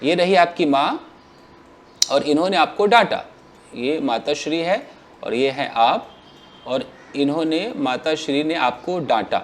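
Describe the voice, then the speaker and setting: A man teaching English grammar to a class, asking questions and answering them himself in an animated way. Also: a little high, a little slow, slight background noise.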